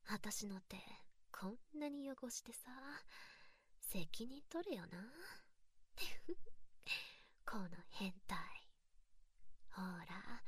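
Woman doing a bossy mocking girl, whispered role-play, slow and drawn out, swings high and low a lot, baby-talk taunts. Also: fairly bright tone, breathy edge, no room sound, heavily acted. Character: sadistic teasing young woman, domineering and mocking.

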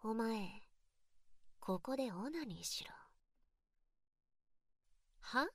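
Woman doing a bossy mocking girl, whispered role-play, slow and drawn out, swings high and low a lot, baby-talk taunts. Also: animated, dry recording, clean studio sound, heavily acted. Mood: teasing. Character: sadistic teasing young woman, domineering and mocking.

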